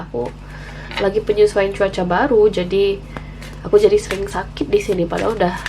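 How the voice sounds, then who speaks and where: With a lowish voice against a noisy background, an Indonesian woman reads tarot for her channel's viewers. She has the flu and a candy in her mouth. Her delivery is chatty and candid, with English slang phrases dropped in casually.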